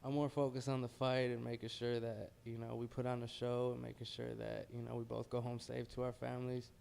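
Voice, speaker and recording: A man's voice: mid-range voice, monotone, a little fast, vocal fry, darkish tone, slight background noise. An American man, a heavyweight boxer, talking casually and modestly in a pre-fight interview.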